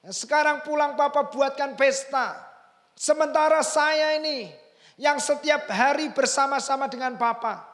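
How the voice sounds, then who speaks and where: A preacher puts on a bitter elder son who shouts his grievances in a high, strained voice. The yelling rings through a hall with a long echo. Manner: loud indignant complaining.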